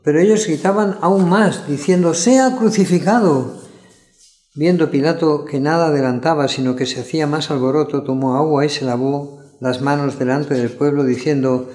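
Slightly high-voiced male preacher, echoey room. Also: fairly even intonation, a little mellow. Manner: reads scripture slowly, stressing the crowd's cries. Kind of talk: sermon with Bible reading.

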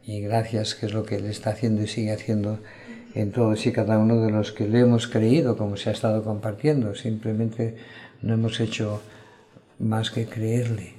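Mellow-voiced man preaching earnestly. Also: on the low side, flat delivery, moderate pace. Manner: earnest, reflective, frequent "¿verdad?" asides. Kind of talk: sermon.

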